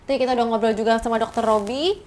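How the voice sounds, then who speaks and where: Female host, infomercial health show: conversational presenting, slightly high pitch, reactive. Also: racing, a little mellow.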